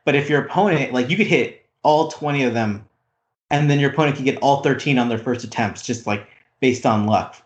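A man's voice: medium pitch, fairly quick. A man co-hosting a podcast, recapping a reality competition in casual chat, rambling with lots of fillers. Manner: rambling, many "like" fillers, animated retelling. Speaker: podcast co-host. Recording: roomy echo.

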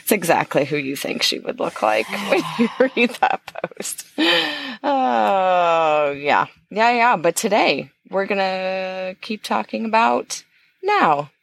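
A woman's voice: medium pitch, lively intonation, slow pace, vocal fry, a little hiss or hum. A woman co-hosting a podcast in casual chat, blunt and sarcastic, laughing often. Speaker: podcast co-host.

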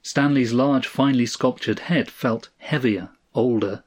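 A man narrating a story in a measured, even storytelling delivery. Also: mid-range voice. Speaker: audiobook narrator.

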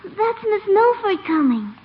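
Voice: very high-pitched, very animated, measured pace, full character voice. An actor playing a curious, innocent young child in an old-time radio drama, asking earnest questions. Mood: eager. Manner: earnest, wide-eyed questioning. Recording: muffled, noisy old radio broadcast.

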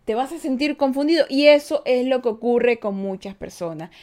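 A woman's voice: sits high, animated, moderate pace, darkish tone. A young woman hosting a casual podcast, chatting with listeners and acting out quoted parents. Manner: conversational, reads listener comments, acts out quoted parents. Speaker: podcast host.

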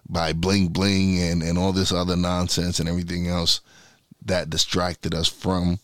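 A man's voice: sits low, monotone, a little slow, no echo, studio quality. A man in his mid-forties speaking candidly in a conversational interview, often restarting and searching for words. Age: 40s.

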